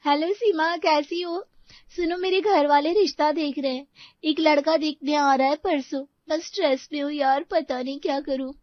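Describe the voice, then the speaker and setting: Brief: a woman playing a nervous young friend on the phone, squeaky high, dry muffled sound. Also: fairly even intonation, moderate pace, no room sound, lightly acted. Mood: worried. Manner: worried, pleading. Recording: dull lo-fi, slightly distant.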